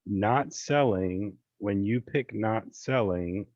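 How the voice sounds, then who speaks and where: Relaxed man coaching over a video call. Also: lowish voice, slow, no echo, dull audio. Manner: relaxed and chatty, many fillers and restarts. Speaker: real estate investing coach. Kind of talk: casual screen-share coaching call.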